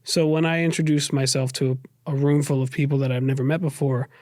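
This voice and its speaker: A podcast guest raised in New York, with a New York accent, speaks earnestly and reflectively about his life, often repeating and rephrasing himself. His mid-range voice is flat and darkish, a little fast, in a studio-quality recording with no echo.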